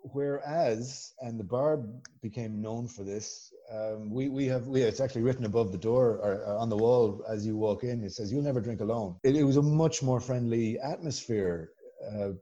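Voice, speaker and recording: A man with a west of Ireland accent, telling stories as a chatty, animated guest in a casual conversation. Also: medium pitch, normal speed, lo-fi sound. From Galway, west of Ireland. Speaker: podcast guest.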